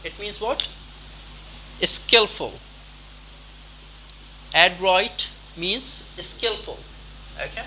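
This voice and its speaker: A man with a fairly high voice leads a vocabulary lesson at an unhurried pace. He says each word several times and checks that the listener follows. A faint hum of room ambience sits behind him. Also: bright, forceful tone. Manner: slow, repeats words deliberately, quizzes the listener. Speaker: English vocabulary teacher.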